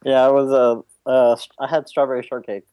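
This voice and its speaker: A man's voice: mid-range voice, little pitch movement, brisk, clear, resonant tone, dry recording, highs cut off. A man guesting on a casual podcast chat, answering hesitantly with restarts and fillers. His voice sits dry and close, with no room around it. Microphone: computer mic over voice chat.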